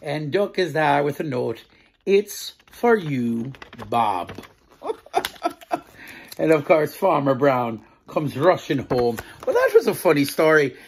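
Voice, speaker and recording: A woman hosting a children's book club, reading a picture book aloud in a playful, animated way and chuckling often. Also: low voice, unhurried, a little hiss or hum. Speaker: children's book reader and host.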